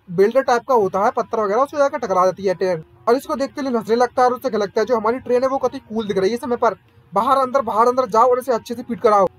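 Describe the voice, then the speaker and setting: A man narrating an anime recap in a casual, excitable way, with slangy joking asides. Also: very high-pitched.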